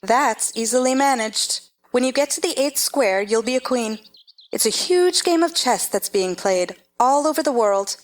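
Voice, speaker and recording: A woman's voice: fairly high pitch, animated, moderate pace, close to an everyday voice. A woman playing a haughty, bossy chess-piece queen who gives imperious, scolding orders in a theatrical stage-play reading. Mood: urgent, commanding. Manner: imperious, clipped commands, scolding.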